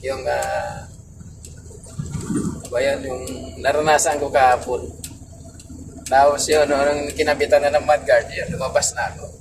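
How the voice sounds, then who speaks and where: Rambling truck driver talking from afar. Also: male voice, mid-range voice, little pitch movement, moderate pace, pauses often. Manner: rambling, many fillers, retells dialogue. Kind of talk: casual vlog advice to fellow drivers. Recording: distant mic, noisy surroundings.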